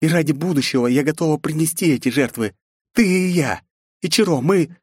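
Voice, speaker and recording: A man's voice: fairly high pitch, brisk, darkish tone, breathy edge, no room sound, studio quality, pitched above the performer's own voice. A man voicing a fierce young warrior princess who speaks coldly and spitefully, in an audiobook. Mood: fervent. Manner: cold, spiteful. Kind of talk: audiobook character voice.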